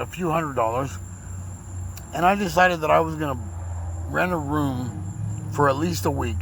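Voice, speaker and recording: Guy with slurred post-stroke speech, kinda rough gravelly voice, rambling on about his day, quiet outdoor noise. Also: mid-range voice, poor audio. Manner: rambling, repeats words, emotional. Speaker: vlogger telling his story. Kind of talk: casual personal storytelling.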